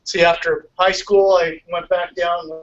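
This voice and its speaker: A man's voice: high voice, little pitch movement, unhurried. A man from California, an attorney, giving a friendly conversational civics lesson to a class. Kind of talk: classroom lecture. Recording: dull, distant mic with faint noise.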